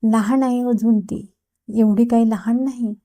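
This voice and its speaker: A woman's voice: a little high, steady tone, measured pace, mellow, natural voice. A woman voicing a playful, insistent young woman who teases her brother, read in an audiobook. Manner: teasing and insistent. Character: young woman, teasing playful sister figure.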